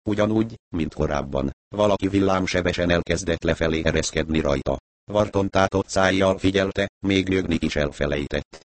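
Deep-voiced male audiobook narrator. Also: dry recording. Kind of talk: first-person novel narration.

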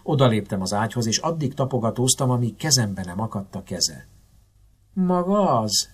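A man narrating a first-person novel aloud in a dramatic, expressive storytelling manner. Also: fairly low pitch, breathy edge. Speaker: audiobook narrator.

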